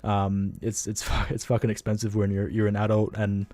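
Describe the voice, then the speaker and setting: A man's voice: fairly low pitch, monotone, normal speed, mellow, dry recording. A young Australian man hosting a casual livestream, tired and rambling, talking bluntly and swearing freely from home. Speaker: livestream host.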